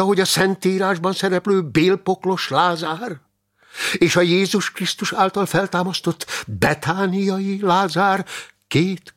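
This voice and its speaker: A man voicing an excited Benedictine monk who preaches fervently in a raised voice. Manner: high, fervent, later whispering.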